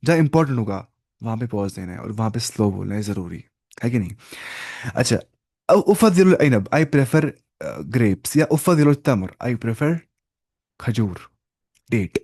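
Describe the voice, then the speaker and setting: A man teaching an online Arabic lesson, talking fast and putting questions to his learners. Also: on the low side, expressive, creaky, darkish tone, no room sound, studio quality. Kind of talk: online language lesson in Hindi-Urdu.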